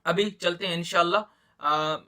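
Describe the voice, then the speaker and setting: A man with an Urdu accent explains a reading lesson. His voice is fairly high and very bright. He speaks patiently and repeats key points for emphasis. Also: steady tone, a little slow. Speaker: Quran teacher.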